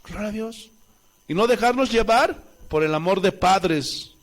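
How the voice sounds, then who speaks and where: High-voiced Bolivian pastor preaching. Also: male voice, lively intonation, measured pace. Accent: Bolivian Spanish. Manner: preaching with rhetorical questions to the congregation; swings between loud emphatic calls and low soft asides. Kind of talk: sermon. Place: church.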